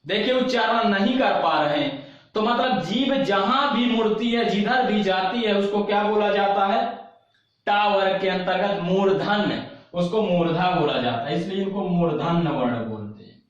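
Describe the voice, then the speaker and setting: A man teaching an online class, asking questions and answering them himself, repeating key terms and slowly demonstrating sounds. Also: high-pitched. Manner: slow, drawn-out demonstration of sounds. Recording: very echoey, dull lo-fi room recording.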